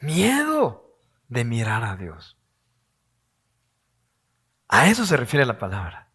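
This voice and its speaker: A man preaching a sermon as pastor, his voice hoarse, asking rhetorical questions and acting out quoted voices. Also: mid-range voice, wildly swooping pitch, takes it slowly, fairly bright tone.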